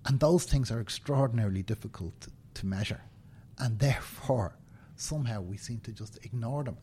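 Slight background noise sits behind a mellow, medium-pitched man's voice. He's in his fifties, from Dublin, Ireland, and works in banking; here he's an earnest, emphatic interview guest in a seated indoor conversation who keeps adding "right?".

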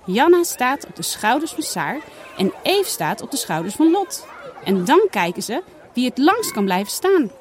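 A woman reading a children's story aloud, putting on lively voices for the characters' dialogue. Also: on the high side, normal speed, some chatter behind. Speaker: storybook reader.

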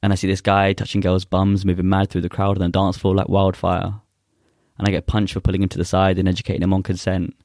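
A deep, flat-voiced young man whose first language is Urdu joins as a poet guest for casual chat and spoken-word poetry recital. He sounds earnest, halting, and heavy on fillers, in clean studio sound with no echo.

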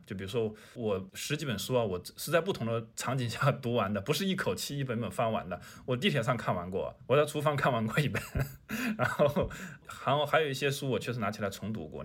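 A man's voice: mid-range voice, slightly rough. A man hosting a casual podcast, talking in long, reflective turns.

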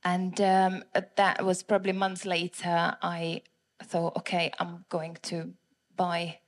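A Czech woman with a Czech accent nervously gives a testimony on stage during a church service, holding a handheld mic. Her low voice is slow and monotone, and she's hesitant and giggly, using many fillers.

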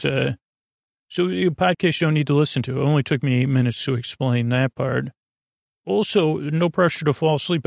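In a close, dry recording with no echo, this podcast host's gravelly, creaky, mid-pitched voice meanders through a monologue designed to lull listeners to sleep. He wanders off topic, stops and starts again, and lets his sentences trail off unfinished.

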